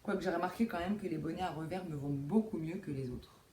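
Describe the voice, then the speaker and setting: A woman's voice: fairly low pitch, fast talker, warm tone, a little hiss or hum. Chatty woman hosting a knitting podcast. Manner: chatty, self-deprecating, many fillers and restarts. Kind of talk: casual chat. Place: home room with window.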